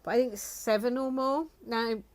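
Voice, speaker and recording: A woman's voice: a little high, steady tone, normal speed. A woman from the UK co-hosting a reselling channel, chatting casually with many fillers and reading bits from a report. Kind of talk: casual chat.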